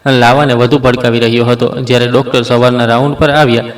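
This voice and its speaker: Flat-voiced male storyteller. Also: medium pitch, quick pace. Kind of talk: scripted first-person narration. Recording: roomy echo, distant mic.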